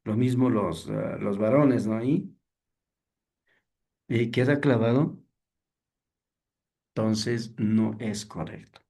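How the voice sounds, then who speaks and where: Male seminary teacher, warm mellow tone, loose conversational lecturing style. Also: lowish voice, takes it slowly, vocal fry, long pauses. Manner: conversational, asks the class rhetorical questions; acts out sample preacher greetings to show mistakes. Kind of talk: evening class lecture.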